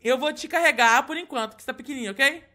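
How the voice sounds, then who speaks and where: A young man hosting a playful Minecraft roleplay, excitable and laughing, with panicky yelps, talking over a voice call. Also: very high voice, racing. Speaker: roleplay host.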